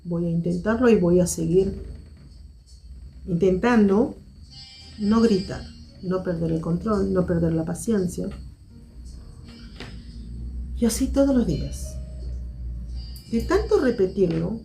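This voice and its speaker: A woman hosting a live stream, speaking to her viewers in a measured, reflective way and repeating her key points. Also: medium pitch, gravelly, mellow, soft background music.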